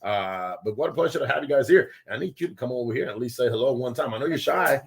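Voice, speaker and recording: Man, studio show host, loud, excitable, laughing often, casual talk. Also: medium pitch, fast talker, gravelly, husky. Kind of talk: casual live show hosting. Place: small studio with guests.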